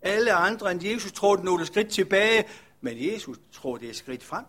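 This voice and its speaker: A man's voice: sits high, very animated, sharp tone, slightly rough, voice pushed up, exaggerated voice. A man voicing a weary, humble male leper farmer who is telling his own story earnestly in the first person. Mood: awed.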